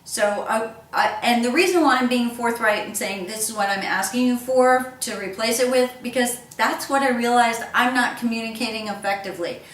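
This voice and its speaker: A woman's voice: fairly high pitch, normal speed, few pauses, fairly bright tone. A woman hosting a casual recipe demonstration, rambling playfully to viewers with theatrical exclamations. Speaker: cooking show host. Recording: echoey room, distant mic, background noise.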